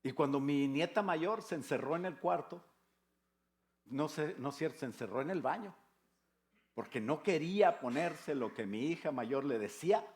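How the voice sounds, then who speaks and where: Gravelly older Mexican pastor preaching. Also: male voice, on the high side, expressive, moderate pace. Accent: Mexican Spanish. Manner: conversational preaching with rhetorical questions and jokes. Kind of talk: sermon. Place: church.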